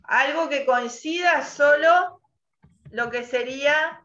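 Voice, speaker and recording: A high-voiced woman teaches over a video call, her tone bright and clear. She talks slowly and patiently, quizzing students and spelling out sounds one by one. The call audio is muffled. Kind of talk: online class teaching.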